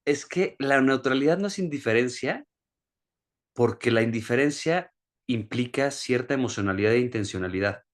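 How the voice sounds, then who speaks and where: A man teaching an online class over a video call. He explains a concept in a plain, everyday speaking voice, often restarting and repeating words. When he gives an example he raises his pitch. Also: lively intonation, normal speed. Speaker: course instructor.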